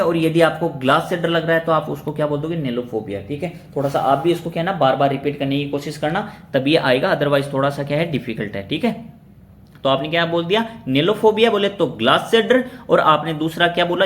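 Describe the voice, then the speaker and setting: Man quizzing students through vocabulary, roomy echo. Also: a little high. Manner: asks and answers his own questions, repeating each word; spells words letter by letter. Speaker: vocabulary teacher. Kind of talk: exam-prep vocabulary lesson. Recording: roomy echo with faint background noise.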